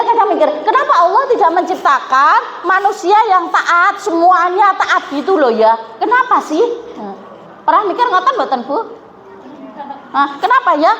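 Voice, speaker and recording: High-voiced woman preaching. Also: fairly bright tone, slight background noise. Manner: conversational, questions the audience often, acts out quotes. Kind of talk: sermon. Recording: echoey hall, dull lo-fi sound.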